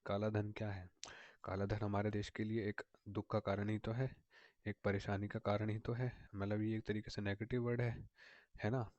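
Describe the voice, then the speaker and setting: Low, flat-voiced male vocabulary teacher. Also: dry recording, highs cut off. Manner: patient, repetitive, often checks in with "theek hai na". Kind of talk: explaining word tricks to students.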